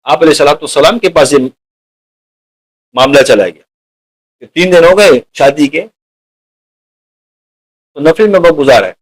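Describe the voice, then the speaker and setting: High-voiced man preaching a sermon. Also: lively intonation, long pauses, rough recording. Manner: rhetorical questions to the audience; addresses listeners as dear companions.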